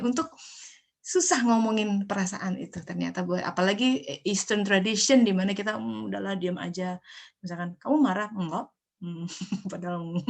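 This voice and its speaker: A woman hosting an online religious study group over a video call, talking in a casual teaching way and mixing in English phrases. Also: medium pitch. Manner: conversational, mixes in English phrases.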